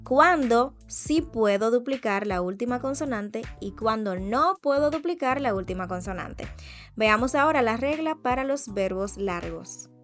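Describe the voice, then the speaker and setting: A woman teacher explains grammar at an unhurried pace, her voice sitting a little high. She repeats example words twice and spells out patterns letter by letter. Soft music plays faintly behind her. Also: expressive. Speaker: English teacher. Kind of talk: slow explanatory lesson.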